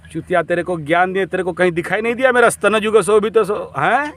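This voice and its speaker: A man's voice: sits high, animated, moderate pace, fairly bright tone. A man voicing a fierce, blunt female goddess who scolds rudely in a storytelling discourse. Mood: indignant. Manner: brusque, rude scolding.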